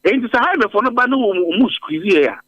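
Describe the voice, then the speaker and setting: Interviewed in a radio studio, a Ghanaian policy analyst drives his points home by repeating phrases emphatically. He talks quickly in a high, animated voice, with no echo and the upper frequencies clipped.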